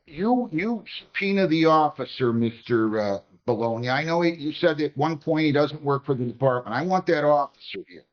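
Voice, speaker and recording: Stern judge lecturing in court, muffled. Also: male voice, on the high side, animated, normal speed, few pauses. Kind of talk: courtroom hearing.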